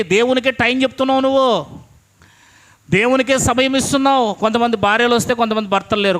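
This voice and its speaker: A man's voice: extremely high pitch, fairly bright tone. A man preaching a sermon as a pastor, scolding his listeners and pressing them with repeated rhetorical questions. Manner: scolding, addresses listeners directly.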